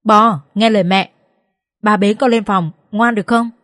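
A woman voicing a young husband who pleads with his angry mother to calm down. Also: medium pitch, moderate pace, dry recording, clean studio sound, natural voice. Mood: pleading.

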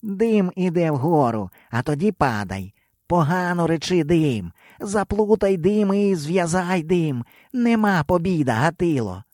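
A man's voice: fairly high pitch, expressive, a little slow, darkish tone, dry recording, studio quality, pitched above the performer's own voice. A man voicing a fearful male steppe shaman who speaks in broken phrases with a plaintive, whining tone. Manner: broken grammar, plaintive wail.

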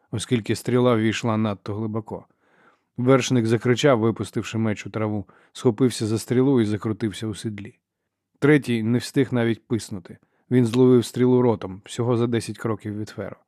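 A man reading a novel aloud as an audiobook narrator, in steady, measured storytelling. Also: mid-range voice, dry recording, studio quality. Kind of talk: scripted narration.

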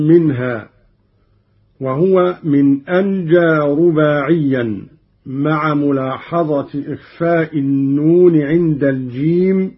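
Slow husky guy teaching quran recitation, chants the examples, muffled old radio sound. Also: on the high side. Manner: deliberate, slows down to chant each cited verse. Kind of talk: measured explanation of recitation variants with chanted examples. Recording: dull lo-fi archival radio recording.

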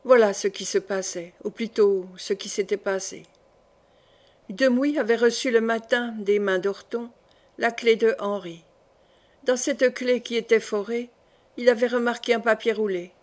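A woman's voice: a little high, a little mellow. Woman reading a classic novel aloud. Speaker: audiobook reader.

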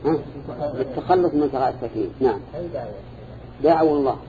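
A teacher of Quran interpretation gives a classroom lecture in a measured, medium-pitched voice, quizzing his students with short questions and repeating "ha?" and "na'am." The recording is dull and lo-fi, with background noise.

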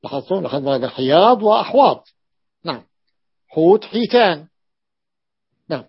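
Man teaching, slow and repetitive. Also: a little high, sing-song, breathy edge, no room sound. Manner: explains slowly, repeating words and patterns. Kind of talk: classroom grammar lesson. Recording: dull lo-fi dry recording.

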